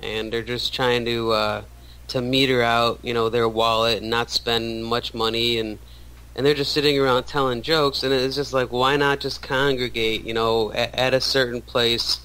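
A man's voice: mid-range voice, little pitch movement, moderate pace, pushed and bright, smooth, low-quality recording. A man in his thirties, a radio show guest, talking casually with many restarts and fillers. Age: 30s. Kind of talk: casual interview talk.

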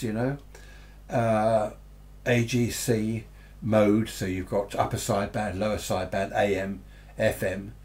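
Reviewing radio equipment in his cramped, cluttered workshop, this British presenter, aged 60 or older, has a lowish, darkish voice. His demonstration is casual and unscripted, wandering along with lots of tag questions.

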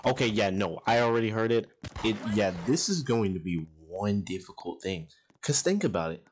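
Male gameplay host, low voice, rambling casual commentary, lots of fillers. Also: lively intonation, moderate pace, slight background noise. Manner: rambling, hesitant, with many fillers and restarts. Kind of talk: casual commentary over online game.

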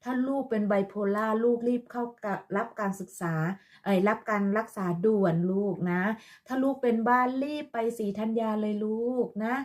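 A woman's voice: fairly high pitch, steady tone, normal speed, hardly any pauses, a little mellow. A woman ranting in a vlog monologue, scolding and mocking with crude insults in a sarcastic motherly tone. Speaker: online commentator.

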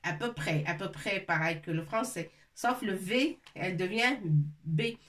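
A woman's voice: medium pitch, unhurried, fairly bright tone. A woman teaching letters at a board, patiently repeating each sound and checking in often. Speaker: Arabic teacher. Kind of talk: slow whiteboard language lesson. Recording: voice from a distance.

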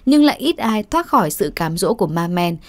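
A woman's voice: medium pitch, very animated, fairly quick. A woman reading a scripted news report as the narrator.

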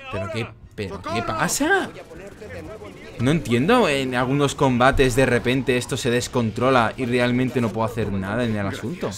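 Exasperated young Spanish gamer ranting. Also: male voice, mid-range voice, lively intonation, normal speed, a crowd in the background. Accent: Spanish from Spain. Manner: exasperated, ranting, swears a lot. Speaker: gaming YouTuber. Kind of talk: game commentary. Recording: game sound and music behind.

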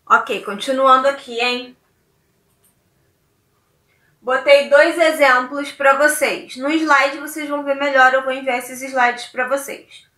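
A woman's voice: high voice, fairly even intonation, slow pace, bright, forceful tone, echoey room, far from the mic. A woman teacher with a Brazilian Portuguese accent giving a recorded lesson, chatty and often checking in with her students.

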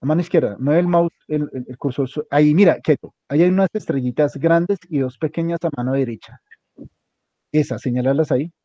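A man instructs a computer class, walking his student through each click and repeating himself as he goes. His voice sits somewhat high and is mellow. The dry, dull lo-fi recording gives it a flat, close quality. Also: brisk, dry recording. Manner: directive, repeats instructions step by step.

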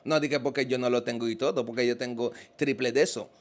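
A man's voice: medium pitch, fast talker. A Dominican man talks as a guest in a casual interview. He tells his stories with a lot of life and acts out the voices of the people in them. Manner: animated storyteller, acts out quoted voices.

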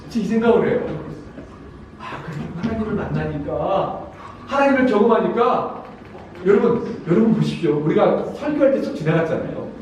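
A man with a high-pitched, slightly mellow voice preaches a sermon as a pastor in a church sanctuary, speaking emphatically and often calling out to his congregation. The recording is very echoey, with the mic far away and faint noise.

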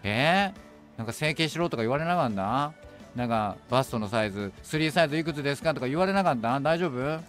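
A man with a Kansai accent talks through a game with chatty, teasing asides, his pitch swinging widely. Faint game music plays behind him, and his voice sits at a middle pitch. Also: lively intonation, fairly quick, fairly bright tone. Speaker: game streamer. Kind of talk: casual gameplay commentary.

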